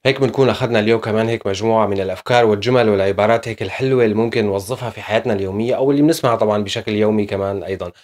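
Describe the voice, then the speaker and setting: A man's voice: fairly low pitch, rapid-fire, hardly any pauses, darkish tone. A man teaching German in a casual video lesson, explaining step by step with frequent fillers.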